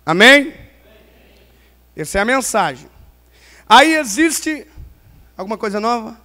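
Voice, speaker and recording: High-voiced preacher man in a reverberant hall. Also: big pitch swings, moderate pace. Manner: playful, swings from loud emphasis to quiet asides. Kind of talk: pentecostal sermon with humorous stories. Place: large church hall.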